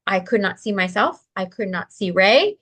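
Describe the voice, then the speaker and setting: A woman's voice: mid-range voice, lively intonation, normal speed, a bit bright. A woman who is a guest in an interview, telling a personal story in an earnest, open way, with light laughs and fillers. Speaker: interview guest, spiritual practitioner.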